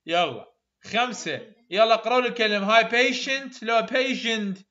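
Bright Iraqi teacher drilling sounds. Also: male voice, extremely high pitch, expressive, lo-fi sound. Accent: Iraqi Arabic. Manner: repeats sounds slowly, praises students often. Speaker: English phonetics teacher. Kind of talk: classroom pronunciation drill.

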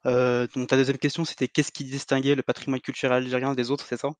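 A man from Algeria, a podcast guest, explaining a topic in a halting way with frequent self-corrections. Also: medium pitch, little pitch movement, no room sound. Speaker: podcast guest, heritage advocate. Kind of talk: explanatory interview answers.

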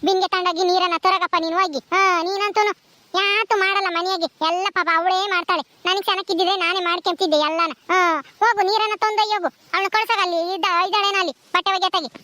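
A woman's voice: extremely high pitch, steady tone, fast, bright, forceful tone, no room sound. A woman playing an ailing, bossy village wife in a comedy skit, with a rural Karnataka Kannada accent and a nagging, scolding manner.

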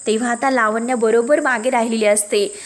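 High-pitched woman chatting through a show recap, lots of filler words. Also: steady tone, a little fast. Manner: chatty, filler-heavy retelling. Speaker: serial recap narrator. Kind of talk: casual storytelling recap.

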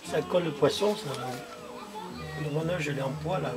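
A man's voice: a little high, moderate pace. A middle-aged photographer muttering to himself as he works, casually swearing, picked up by a camera mic. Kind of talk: muttered working commentary. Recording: loud background noise.

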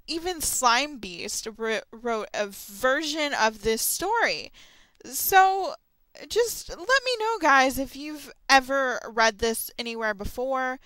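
A young woman hosting an audio log talks informally and somewhat tentatively, meandering through horror stories by herself. Her voice sits high, pushed and bright, with no room sound.

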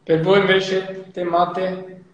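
A man hosting a live-stream interview, asking his guests questions in a relaxed, conversational way. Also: high voice, slow pace, very echoey, highs cut off, slight background noise. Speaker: host.

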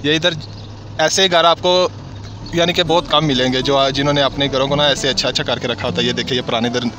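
A man's voice: medium pitch, steady tone, fast, sharp tone, slight background noise. A young man, chatting casually as a vlogger while riding in a vehicle cab and recording on a handheld phone camera. He talks in a loose, repetitive way and keeps calling his viewers brother. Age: young adult. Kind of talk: casual travel vlog narration. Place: inside a vehicle cab on a drive. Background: background music.

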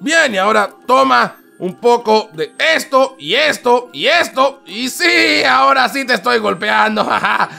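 High-voiced gravelly gaming commentator. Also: male voice, animated, unhurried, hardly any pauses, bright, forceful tone, soft background music. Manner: dramatic, exclamatory, narrates every move. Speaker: gaming channel host. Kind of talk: gameplay commentary.

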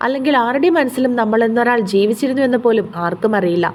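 A Malayali woman narrating a scripted audio love story in a steady storytelling manner. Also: fairly high pitch, quick pace, slight background noise.

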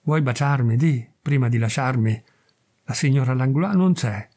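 A feverish, clinging young woman, as a male reader takes her part speaks in a dark, husky murmur that hovers a little above a man's speaking tone. She pleads one moment and turns fierce and vengeful the next, in an intimate audiobook reading. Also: medium pitch, moderate pace, close to an everyday voice. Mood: pleading. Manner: breathless, pleading then fierce. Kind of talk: audiobook reading of a classic tale.

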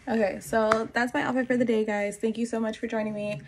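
A woman's voice: fairly high pitch, flat delivery, brisk. A woman in her thirties chatting casually and rambling as she gets ready, recorded on a phone in a bedroom. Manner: rambling, talking to herself while busy. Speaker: lifestyle vlogger. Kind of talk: casual get-ready-with-me chat. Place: small bedroom indoors. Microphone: phone propped at about arm's length. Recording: clear background noise and clicks.

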